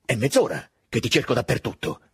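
Male narrator voicing a brusque, huskily voiced colonel, loud and pushy, dry close sound. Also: deep voice, big pitch swings, husky, no echo, exaggerated voice. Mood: insistent. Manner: pushy, brisk, falsely cordial. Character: hurried, overbearing middle-aged male lieutenant colonel. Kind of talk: audiobook dialogue.

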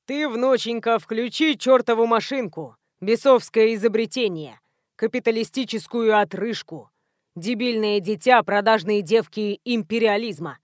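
A woman reading an audiobook voices a grumbling, creaky hundred-year-old grandfather scolding his granddaughter. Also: a little high, moderate pace, dry recording, clean studio sound, natural voice.

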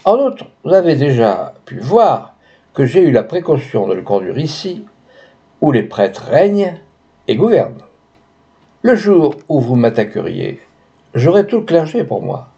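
A man's voice: medium pitch, very animated, measured pace, vocal fry, dark tone. A man voicing a scheming, cynical young woman who coolly bargains, read in a storybook style on a dull lo-fi recording. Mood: haughty. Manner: cool, haughty, bargaining.

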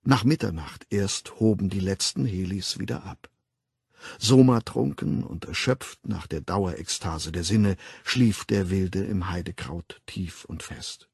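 Husky low male audiobook narrator. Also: a little mellow, no room sound. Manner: measured, dramatic reading. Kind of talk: scripted narration.

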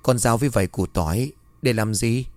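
A man's voice: medium pitch, moderate pace, a little mellow, no echo, faint music behind, natural voice. A man reading the lines of a frightened young woman haunted by a demon, in a fearful, pleading voice.

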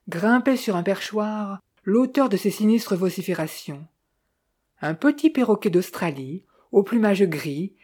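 A woman narrating an audiobook in a measured, even reading style. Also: medium pitch, breathy edge.

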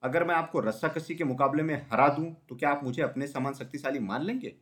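A man's voice: mid-range voice, animated, a little fast, lightly acted. A man voicing a small, clever male rabbit in a children's story, speaking politely and respectfully.

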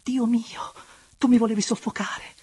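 A man voicing a playful, tender young woman lover in a breathy, whispered way in a literary audiobook. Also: sits high, sing-song, a little slow, no echo, voice pushed up, heavily acted. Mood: breathless.

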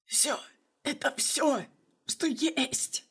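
A woman's voice: high-pitched, drawn-out words, fairly bright tone, voice pushed up, exaggerated voice. A woman voicing a fat, wounded male gangster boss who coughs and begs for his life. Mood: pleading. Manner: coughing, pleading, strained.

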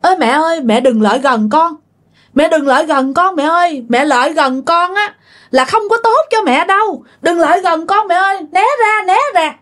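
The ghost of a young man, tearful and longing, pleading in a raised, wavering voice, as a woman storyteller puts him on. His voice climbs high and swings widely as he cries and begs. It is part of a spoken ghost story. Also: animated, measured pace. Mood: urgent. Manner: pleading, crying.

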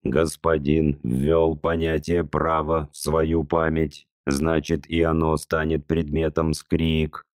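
A relentless machine tester speaks in an audiobook. Its metallic, mechanical voice sits extremely low and never rises or falls, crawling out word by word. The sound is close and completely dry. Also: male voice, dry recording. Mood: cold, mechanical. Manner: slow, monotone, deep droning delivery. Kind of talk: audiobook character reading.

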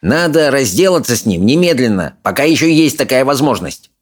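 A man's voice: mid-range voice, big pitch swings, brisk, voice pushed up. A man doing a sneaky, spiteful villain. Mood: scheming. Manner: hissing through clenched teeth, shrieks when angry. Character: treacherous scheming male villain, fawning and spiteful.

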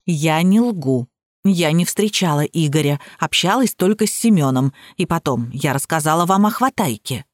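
A woman narrator voicing a stubborn, brash woman under suspicion, in a lower, blunt and defiant voice. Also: expressive, moderate pace, dry recording, clean studio sound. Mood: stubbornly insistent.

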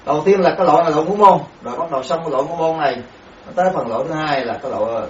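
Man giving a halting dharma lecture, echoey room. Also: fairly high pitch, slight background noise. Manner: halting, repeats words, spells out sounds. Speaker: Buddhist monk teacher. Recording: echoey room, distant mic, dull sound.

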